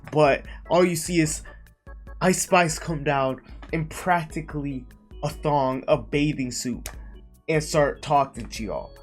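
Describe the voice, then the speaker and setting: A man giving casual reaction commentary, earnest and lecturing, slowing down to stress key words. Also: on the high side. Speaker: online commentator.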